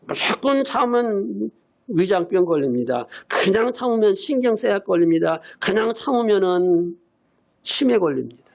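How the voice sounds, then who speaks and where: A man in his eighties preaching a sermon as senior pastor. He repeats his key phrases for emphasis and sometimes breaks into shouts. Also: sits high, animated, moderate pace, creaky. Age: 80s.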